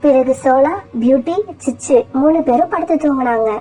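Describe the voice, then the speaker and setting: A woman's voice: sits high, normal speed, dark tone, faint music behind. A woman narrating a children's cartoon story in a plain storytelling way.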